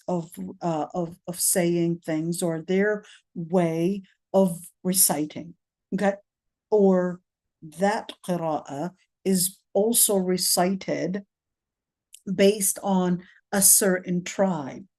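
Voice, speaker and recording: A middle-aged woman from Palestine teaches a classroom lecture on Quran commentary. Her voice is medium in pitch with a darkish tone. She explains step by step, often checking in with "okay?".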